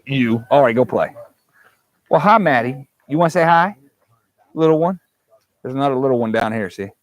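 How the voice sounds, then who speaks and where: Heard through a fuzzy-windscreened clip-on mic, a livestream host chats and jokes with viewers from outdoors at a campsite in a loose, rambling way. His voice is medium in pitch at a moderate pace, and the recording is dry.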